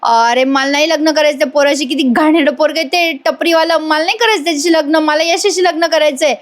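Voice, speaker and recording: A woman doing Nami, a headstrong young woman, very high. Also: fast, close to an everyday voice. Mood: urgent. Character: stubborn young woman refusing a match.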